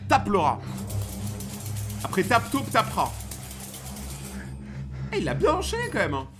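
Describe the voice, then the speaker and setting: High-pitched, animated young man commenting. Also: a little slow, music in the background. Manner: slangy, joking, reactive. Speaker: reaction video host. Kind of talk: casual running commentary on horror footage.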